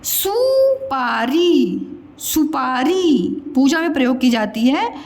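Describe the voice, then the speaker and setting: Slow, lilting woman teaching children. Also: high-pitched, big pitch swings. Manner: drawn-out syllable-by-syllable pronunciation, questioning pupils; calls the listener "beta" (child). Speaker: primary school Hindi teacher. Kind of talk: slow spoken lesson for young children.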